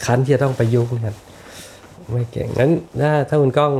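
Middle-aged male podcast guest, mellow and unhurried, thinks aloud with restarts over a faint hiss. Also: mid-range voice, fairly even intonation. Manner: reflective, unhurried, with many restarts and repetitions. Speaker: podcast guest, architect and teacher. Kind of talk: casual podcast conversation.

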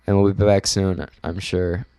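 A young man, a guest on a casual podcast chat, laid-back and joking, often trailing off quietly. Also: low-pitched, flat delivery, measured pace, no room sound.

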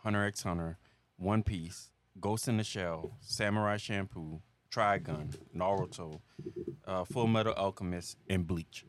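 Deep-voiced man chatting on a podcast. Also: measured pace, a little hiss or hum. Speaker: podcast co-host. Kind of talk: casual podcast chat.

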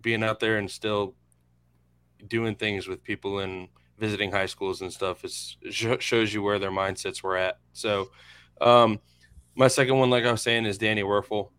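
A man's voice: on the low side, fairly even intonation, normal speed, a bit bright, smooth. A man in his thirties from central Florida with an American accent, chatting casually about sports as a panelist. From central Florida, USA. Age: 30s.

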